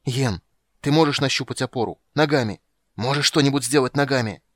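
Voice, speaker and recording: A man voicing a grim male monster hunter who speaks in urgent, gruff commands. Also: medium pitch, brisk, fairly bright tone, no echo, studio quality, natural voice.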